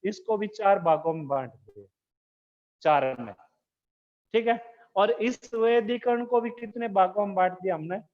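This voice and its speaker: Slow, high-voiced male teacher dictating. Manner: asks questions to the class. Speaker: school teacher. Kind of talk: recorded Hindi grammar lesson. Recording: dull lo-fi recording.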